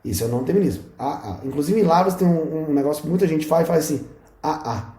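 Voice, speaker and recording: A man's voice: fairly high pitch, animated, very fast, warm tone. A man with a Brazilian accent giving a university lecture at a whiteboard, joking and pointing as he explains. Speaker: university professor. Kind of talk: recorded classroom lecture at a whiteboard. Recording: echoey room sound.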